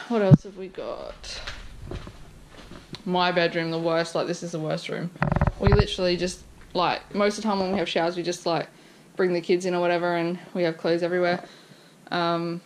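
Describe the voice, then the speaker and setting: A young woman gives a relaxed, rambling tour of her messy family house, talking to a handheld camera as a vlogger. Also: on the low side, normal speed. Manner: relaxed, rambling, frequent ums and likes. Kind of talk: casual house-tour chat. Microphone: wide-angle action camera carried by hand. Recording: audible background noise.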